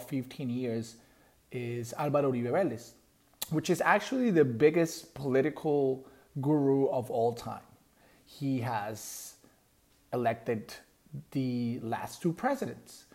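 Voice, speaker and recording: A man with a Colombian Spanish accent delivers solo podcast commentary in a mellow, warm voice. He explains earnestly and fills pauses with frequent ums and uhs. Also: medium pitch. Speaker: podcast host.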